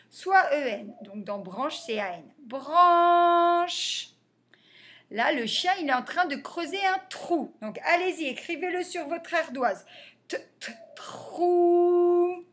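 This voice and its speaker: A woman teacher giving a reading lesson to young children, sounding out letters and syllables slowly and clearly. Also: sits high, a bit bright. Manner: slow, over-articulated sounding out of letters.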